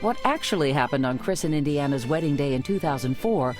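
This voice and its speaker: A woman's voice: low voice, lively intonation, brisk. A woman giving scripted narration for a television segment, with a dramatic storytelling delivery. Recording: music bed under narration.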